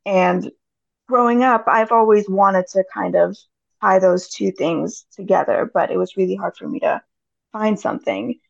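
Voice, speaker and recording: A woman's voice: medium pitch, normal speed, vocal fry, no echo. A woman in her thirties, a podcast guest, chatting casually and rambling with many fillers. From United States. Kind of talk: casual interview chat. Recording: dull lo-fi audio.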